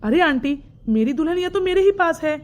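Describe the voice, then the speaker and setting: A woman voicing a polite young married man from a wealthy family in a cartoon story, with a deepened, distant-sounding voice. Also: expressive, fairly quick. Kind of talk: cartoon voice acting.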